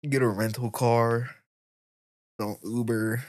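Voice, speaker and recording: A man hosts a casual podcast with an unhurried, drawling delivery. His voice sits in an ordinary middle pitch, and he swears freely as he chats. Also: level tone. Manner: laid-back, profane, drawling. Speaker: podcast host. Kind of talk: casual chat.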